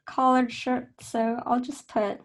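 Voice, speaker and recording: A young woman teaching a casual drawing lesson, talking in a relaxed, chatty way with fillers and self-corrections. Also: on the high side, slow pace. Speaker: art instructor.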